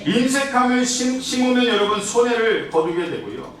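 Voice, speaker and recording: Brief: high-pitched male pastor, animated storytelling sermon, reverberant hall, mic far off. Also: moderate pace. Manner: lively storytelling, frequent "예?" to the congregation. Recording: echoey church hall from afar.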